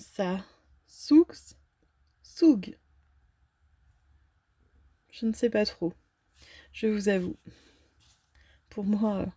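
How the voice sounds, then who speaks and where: Unboxing and reviewing a fortune-telling card deck, a woman talks casually and hesitantly, pausing often with fillers. Her mid-range voice is warm, and the recording is dry.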